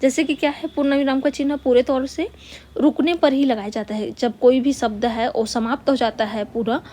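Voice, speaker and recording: A woman teaching a grammar lesson, patiently repeating key words, asking rhetorical questions and dictating slowly word by word as she writes. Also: sits high, steady tone, mellow.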